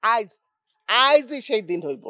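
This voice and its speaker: An actress playing an exasperated, scolding older wife in a TV drama, in colloquial dialect. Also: female voice, on the high side, lively intonation, slow, fairly bright tone, dry recording, clean studio sound. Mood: defiant. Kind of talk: TV drama acting.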